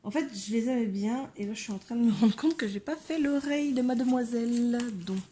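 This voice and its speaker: A woman with a slightly high, dark-toned voice talks a little fast, with slight background noise. In a home room with a window, the coloring channel host chats casually while she colors, full of hesitations and fillers, and talks to her cats.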